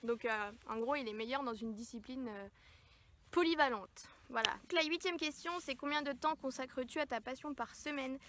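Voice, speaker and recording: Hesitant French-speaking woman, fairly high voice. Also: background noise. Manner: hesitant, many filler pauses. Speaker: vlogger answering viewer questions. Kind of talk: casual chat. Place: near horses at a stable.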